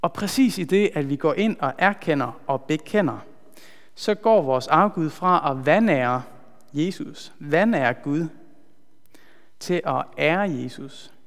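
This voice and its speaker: A man preaching a sermon in an earnest, measured way, slowing down to stress key words. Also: a little high, lively intonation, a bit bright. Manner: earnest, measured, slows for emphasis. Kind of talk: sermon with a retold story. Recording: long hall reverb.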